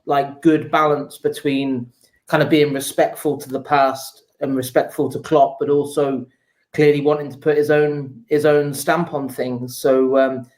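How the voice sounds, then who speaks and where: A man speaks as a football journalist in an interview. His pitch stays very even, and he explains his views in a measured, conversational style. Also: rough recording. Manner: measured, explanatory, often says "you know". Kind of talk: casual interview answers, informed analysis.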